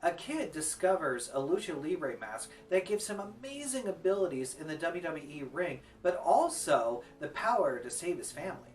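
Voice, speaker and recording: A man's voice: a little high, big pitch swings, moderate pace, few pauses, recorded from a distance. Casual male film reviewer. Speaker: co-host reviewing films.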